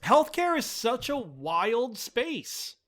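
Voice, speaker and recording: A man with a very high-pitched, slightly bright voice hosts a livestream, speaking slowly with big pitch swings. He talks through the market casually and chattily, reads the chat, curses bluntly, and uses "like" and "right?" over and over.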